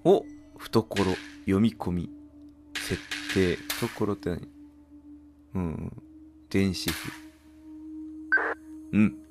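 A man's voice: low voice, drawn-out words, long pauses. A man doing casual game commentary, reacting aloud and putting questions to viewers about what is on screen. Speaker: gamer playing and commentating. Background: game music.

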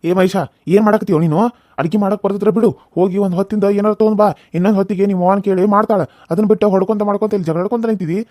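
A man's voice: sits high, steady tone, racing, mellow, dry recording, clean studio sound, natural voice. A man voicing a village father-in-law in a cartoon serial who lectures the couple, with a North Karnataka Kannada accent. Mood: scolding. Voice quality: lecturing, scolding. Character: scolding fatherly village elder.

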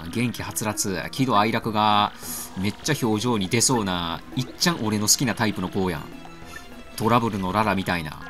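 A man with a Kansai accent doing let's-play commentary, joking crudely and getting excited. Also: fairly low pitch, fairly quick, soft background music. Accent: Kansai Japanese. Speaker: game commentator.

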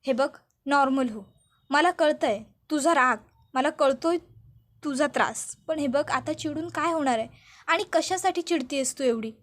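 A stubborn young son pleads and bargains with his mother, as a woman retelling a soap episode puts him on. The voice sits high and coaxing, slowing down when he begs her to calm down. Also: natural voice. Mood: pleading, insistent. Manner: coaxing, pleading, repeats please.

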